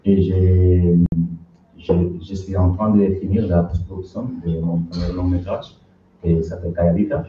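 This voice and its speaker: Very deep-voiced man, foreign accent in French. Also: steady tone. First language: not French. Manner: halting, hesitant French. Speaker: film director and producer. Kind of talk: panel introduction, unscripted. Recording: echoey, distant, dull, faintly noisy room.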